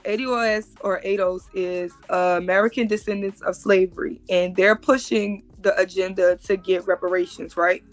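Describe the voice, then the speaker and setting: Appearing as a guest on a live stream via video call, this woman in her thirties explains things with emphasis and tends to repeat herself. Her medium-pitched voice stays steady at a moderate pace with few pauses, and faint music plays in the background.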